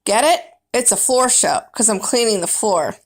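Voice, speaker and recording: A woman's voice: fairly high pitch, animated, normal speed. A woman voicing a friendly, jovial male night janitor in a storybook, hearty and playful. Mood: playful, showy.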